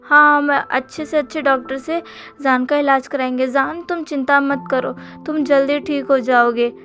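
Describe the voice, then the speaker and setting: A woman doing a gentle, grieving young man. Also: high-pitched, steady tone, moderate pace, soft background music. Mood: consoling. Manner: gentle, reassuring through tears. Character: grieving young man, comforting his friend.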